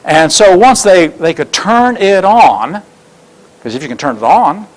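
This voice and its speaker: A man presents a seminar in a lively, expressive voice that rises and falls widely. He tells stories and acts out the people he quotes, and his voice sits a little high for a man. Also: a little slow, low-quality recording. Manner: animated storyteller, acts out quotes. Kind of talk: teaching talk with acted examples.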